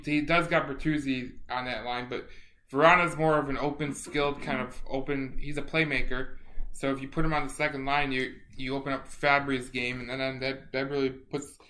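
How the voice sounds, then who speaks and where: A man co-hosting a casual sports podcast, halting and repeating words as he thinks aloud. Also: medium pitch, steady tone, fairly bright tone. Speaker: podcast co-host.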